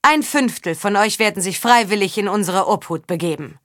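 A woman reading the part of a mocking, scheming middle-aged knight in an audiobook, speaking slowly and drawing out words. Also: mid-range voice, expressive, dry recording, studio quality, natural voice. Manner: mocking, drawn-out delivery.

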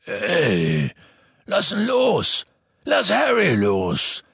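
Male narrator voicing a slow, raspy, bright-edged half-giant storybook brute. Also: lowish voice, dry recording, studio quality, heavily acted. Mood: gruff protest. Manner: slow gravelly bellowing. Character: huge gruff half-giant man, blustering.

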